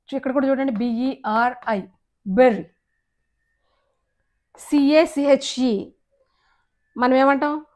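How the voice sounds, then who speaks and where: High-pitched telugu lady teacher, slow patient drilling of english sounds, says each word over and over. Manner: patient, repeats words slowly and drills sounds. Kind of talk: explanatory lesson on pronunciation.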